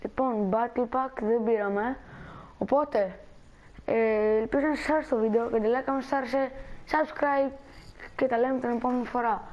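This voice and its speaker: A woman's voice: a little high, steady tone, lo-fi sound. A woman giving casual gameplay commentary as a channel host, chatting and talking viewers through her moves.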